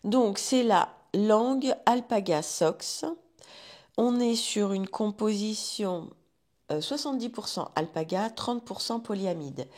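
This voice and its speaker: A woman's voice: mid-range voice, takes it slowly, a little mellow. Chatty French-speaking woman vlogger. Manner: chatty, rambling, with restarts and fillers. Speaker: knitting vlogger. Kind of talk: casual chat to viewers.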